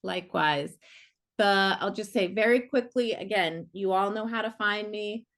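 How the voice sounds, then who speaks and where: A middle-aged woman coach leads a workshop in a loose, chatty way. She sounds playful and animated, with a mid-range voice and a steady, unhurried pull. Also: mid-range voice. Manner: animated and playful, many fillers like "like". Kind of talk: casual online workshop talk.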